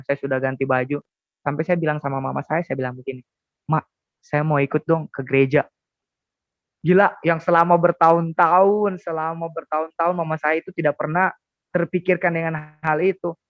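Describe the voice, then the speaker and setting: A young man giving an emotional personal testimony as an interview guest, often halting and repeating words as he tells it. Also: fairly high pitch, fairly even intonation, no echo, dull audio. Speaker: guest sharing a conversion testimony.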